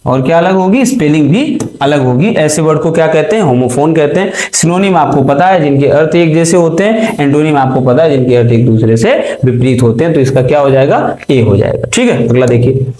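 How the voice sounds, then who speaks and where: A man's voice: fairly high pitch, lively intonation, a little fast, few pauses, dark tone. A male teacher giving an exam-prep vocabulary lecture, mixing English terms into his explanations and asking questions he answers himself. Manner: mixes Hindi with English terms. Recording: echoey room.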